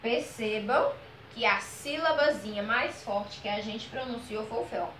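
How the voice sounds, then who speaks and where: A woman teacher explaining a grammar lesson, pronouncing example words slowly and checking in often with "ok?" and "certo?". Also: fairly high pitch, a bit bright, reverberant, slight background noise, rough recording. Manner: patient, drawn-out model words, frequent "ok?" and "certo?" checks.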